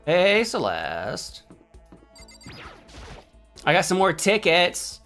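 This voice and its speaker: A man's voice: sits high, wildly swooping pitch, extremely slow, a bit bright, soft background music. An American man casually thinking aloud while playing a game on stream, rambling, correcting himself and bantering with chat in a mock-indignant way. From United States. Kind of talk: casual gameplay commentary.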